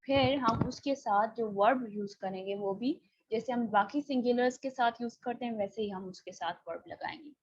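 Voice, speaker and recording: A woman's voice: a little high, moderate pace, few pauses, husky, lo-fi sound. A woman with a Pakistani accent teaching an online English grammar class, explaining patiently and mixing in English phrases.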